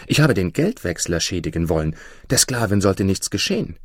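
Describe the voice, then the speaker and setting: A man's voice: sits low, brisk, husky, no echo, clean studio sound, heavily acted. A man voicing an eager young apprentice thief. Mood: alarmed. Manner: excited, pleading.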